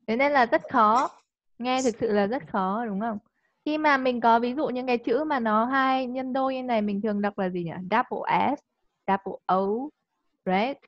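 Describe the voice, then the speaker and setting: Higher-voiced teacher, coaxing. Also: female voice, no echo. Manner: coaxing, checks understanding with quick tag questions. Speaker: online English teacher. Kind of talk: live online tutoring. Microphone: video call. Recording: dull lo-fi call audio.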